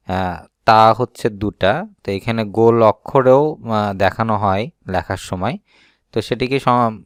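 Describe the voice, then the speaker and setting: A man with a Bangladeshi Bengali accent teaching the sounds of the Arabic alphabet, repeating each point slowly and deliberately. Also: lowish voice, smooth, no room sound, clean studio sound. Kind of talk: slow instructional explanation.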